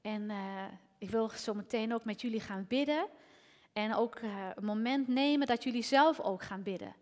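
A woman gives a sermon in a lively, expressive way, her raised tones swinging between near shouts and hushed whispers. Her voice is on the higher side, and it rings out with a long reverb in a church hall. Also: moderate pace. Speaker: preacher.

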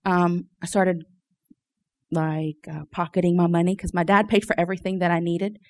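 A woman from Louisiana in the United States gives an informal personal testimony to a group as a church member. Her voice is lowish with little pitch movement, and she talks at a normal speed. She sounds hesitant, often searching for her words.

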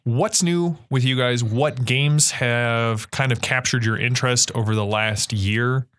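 A man's voice: medium pitch, measured pace, a bit bright. A man hosting a casual podcast chat, steering the talk and often chiming in with short agreements. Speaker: podcast host.

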